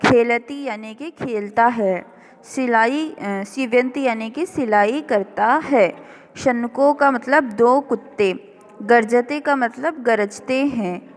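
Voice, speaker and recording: A woman teacher explaining a revision lesson slowly and carefully, word by word. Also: on the high side, long reverb tail. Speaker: school teacher. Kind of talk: recorded classroom revision lesson.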